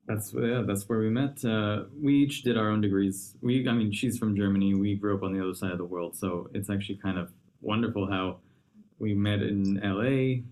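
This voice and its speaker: A man's voice: lowish voice, normal speed, a little mellow. A man pianist in his thirties from Southern California, speaking in an affable way as an interview guest. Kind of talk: conversational interview.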